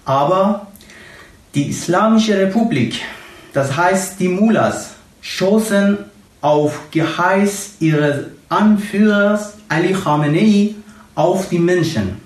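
A young man from Iran with an Iranian accent, reading a prepared political appeal in a slow, solemn, deliberate way. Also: high voice. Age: young adult. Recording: roomy echo, far from the mic.

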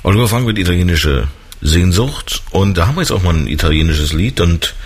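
Hosting a radio interview, this man has a very deep, expressive, slightly rough voice. His style is casual and talkative, full of "äh" and "ähm," and he poses questions to his guest along the way.

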